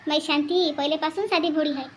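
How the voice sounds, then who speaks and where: In melodramatic cartoon dialogue, a performer voices a grieving old village mother longing for her lost daughter, sounding plaintive, repetitive, and sorrowful with a rural Vidarbha Marathi accent. The voice sits high, steady, quick, and fairly bright, with a little hiss or hum in the recording.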